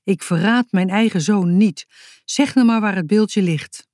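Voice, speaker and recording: A woman's voice: mid-range voice, a little slow, a little mellow, dry recording, clean studio sound, lightly acted. A woman voicing a protective middle-aged mother in a children's audiobook, pleading and solemn.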